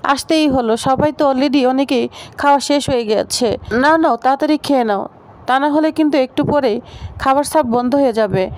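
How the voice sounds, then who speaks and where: A woman reading a calculating male friend's lines in her own high voice. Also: moderate pace, darkish tone, close to an everyday voice.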